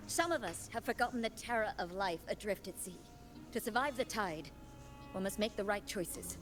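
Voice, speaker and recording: A woman's voice: mid-range voice, lively intonation, normal speed, fairly bright tone, lightly acted. An actress playing a haughty, fierce noblewoman warrior in a video game, speaking in an imperious, dramatic manner. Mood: haughty, disdainful. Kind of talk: scripted video game dialogue. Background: game music.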